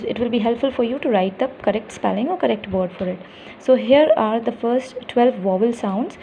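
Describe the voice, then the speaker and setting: A woman teaches a class in a slightly high voice, speaking slowly and deliberately. She walks through each example sound step by step, asking questions and answering them herself. The recording is a little dull, with faint ambience behind her. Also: mellow, a little hiss or hum. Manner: explains step by step, asks and answers her own questions, stretches example words. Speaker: English teacher. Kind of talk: classroom lesson on phonetics, mixing Hindi and English.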